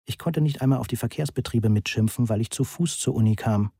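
Mann, warme raue Erzählstimme. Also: male voice, medium pitch, fairly quick, breathy edge, no echo, clean studio sound. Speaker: audiobook narrator. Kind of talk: first-person audiobook narration.

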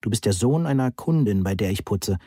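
A man voicing a brash adult woman who cleans for a living, firm and bossy with a slightly shrill edge, read in an audiobook with a dry, muffled sound. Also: expressive, fairly quick, mellow, slightly rough, no echo. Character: brisk brash adult woman, cleaner caring for sick student.

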